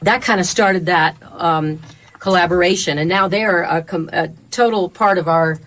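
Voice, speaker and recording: A woman's voice: fairly low pitch, moderate pace, fairly bright tone. A woman giving casual, enthusiastic interview answers as a member of a band.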